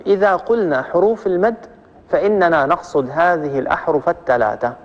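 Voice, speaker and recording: A man with a Libyan accent gives a patient tajweed lesson, his voice sitting a little high for a man. He goes through each rule step by step and repeats it, stretching out the example words. The sound is dull and hangs in a long hall echo. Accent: Libyan Arabic. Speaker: Quran recitation teacher.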